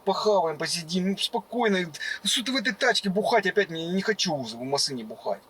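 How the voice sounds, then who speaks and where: A cocky, boastful male suitor, put on by a man for a car prank, speaks in a high voice with a slushy lisp that turns s toward sh. He rattles along quickly in slang like a shameless freeloader. Faint noise sits behind him. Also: expressive, fairly bright tone. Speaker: prankster host of a hidden-camera dating prank. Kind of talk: improvised prank dialogue. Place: inside a car.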